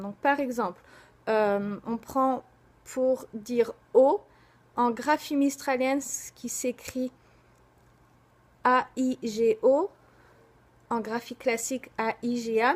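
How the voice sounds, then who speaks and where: A woman's voice: sits high, a little mellow. Hesitant young woman presenting slides. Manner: hesitant, frequent filler pauses; spells out words letter by letter.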